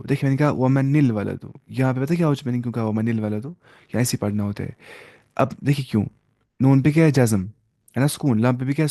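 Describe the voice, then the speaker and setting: A man's voice: mid-range voice, warm tone, no room sound, clean studio sound. A man with a Pakistani Urdu accent teaching an Arabic grammar lesson. He reads Arabic phrases, then translates and repeats each one in Urdu.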